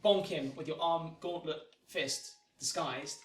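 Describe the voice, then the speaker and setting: A man narrating as game master of a tabletop role-playing game in a loose, casual way, often pausing on fillers. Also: fairly high pitch, a little hiss or hum. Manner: loose, swearing, hesitant with fillers. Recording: roomy, distant mic with background music.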